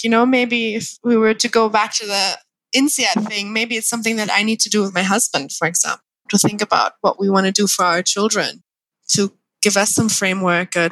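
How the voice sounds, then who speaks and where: A woman in her thirties from Thailand, speaking as a guest about her family business in a measured, thoughtful way. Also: medium pitch, a bit bright, no echo. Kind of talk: conversational interview.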